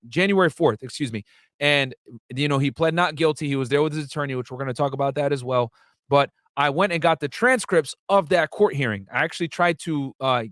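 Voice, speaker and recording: A chatty young man from the United States, whose first language is Arabic, hosts a livestream with casual commentary full of fillers and asides to viewers. His voice is mid-range and a bit bright, recorded in studio quality with no echo.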